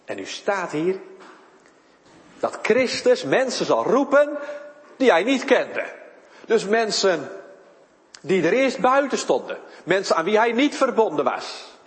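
A man's voice: high-pitched, sing-song, slow pace, long pauses, roomy sound, in a large hall. A man preaching a sermon in church, his voice rising and falling for emphasis. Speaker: pastor.

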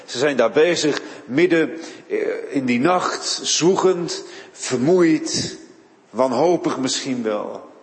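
A man's voice: medium pitch, lively intonation, slow pace, pauses often, big-room sound. A man preaching a sermon, retelling a Bible story with dramatic storytelling and frequent word repeats.

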